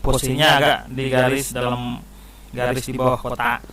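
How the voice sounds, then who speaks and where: A man's voice: mid-range voice, little pitch movement, normal speed, fairly bright tone, rough recording. A man teaching young children how to recite and write a short scripture passage, explaining patiently step by step. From Indonesia. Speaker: Islamic studies teacher. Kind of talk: classroom lesson for children.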